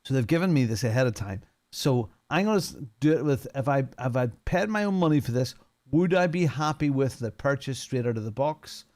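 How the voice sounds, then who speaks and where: Brisk and animated, a medium-pitched man with a darkish tone riffs informally on his first look at a racing game. The Northern Irish sim racing streamer and community head is in his fifties and keeps it chatty and unscripted.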